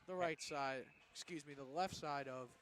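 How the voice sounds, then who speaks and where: A man's voice: a little high, normal speed, a bit bright. A young man calling hockey play-by-play for a student broadcast, upbeat and jokey. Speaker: play-by-play announcer. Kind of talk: student sports commentary.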